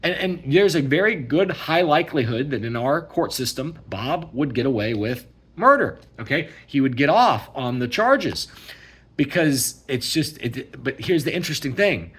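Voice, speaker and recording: Casting: husky-voiced man, mid pitch, rambling emphatic rant, frequent "okay?". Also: animated, moderate pace, a bit bright. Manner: emphatic, repetitive, keeps asking "okay?". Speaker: vlogger. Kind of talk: casual ranting monologue.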